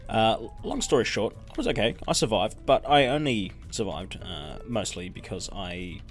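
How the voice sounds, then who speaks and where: A man's voice: on the low side, big pitch swings, unhurried, faint music behind. A man giving casual gameplay commentary as a YouTuber. He rambles, interrupts himself and chuckles as he talks. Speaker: gaming YouTuber.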